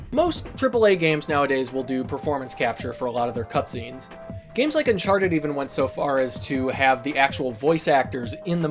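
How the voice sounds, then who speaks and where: Give me a sarcastic, sweary video essayist casually talking games at medium pitch over music. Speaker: video creator reviewing a game.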